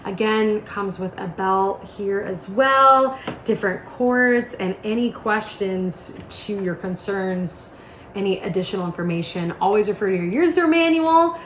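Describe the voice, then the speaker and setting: In an echoing, roomy space with faint noise in the background, a woman shows off a product, taking the listener through each step in an informal, chatty-instructor way. Her voice is mid-pitched and her pace unhurried.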